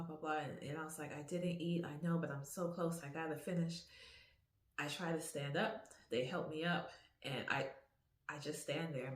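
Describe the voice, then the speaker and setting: A woman hosting her podcast, telling a personal story in an animated, confiding way and calling her listeners y'all. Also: low-pitched. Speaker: podcast host. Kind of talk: casual storytelling. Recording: echoey room.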